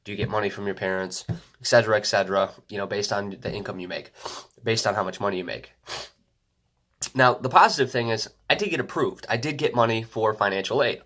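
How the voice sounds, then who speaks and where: Speaking fairly quickly in a lowish, fairly bright voice, a young vlogger talks to his camera at home in a casual way. He is stuffed up with a blocked nose and keeps rambling, restarting, and saying um.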